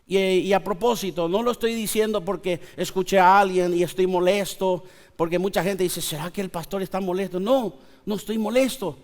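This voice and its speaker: A man, preaching a sermon to his congregation with slow, emphatic pauses and conversational asides. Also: high voice. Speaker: pastor. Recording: long church hall reverb.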